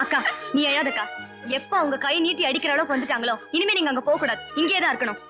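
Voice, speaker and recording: Fast-talking feisty sister, high voice, music under it. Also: female voice, expressive. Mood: defiant. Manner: fast, retorting, then consoling. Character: sharp-tongued younger sister, quick and protective.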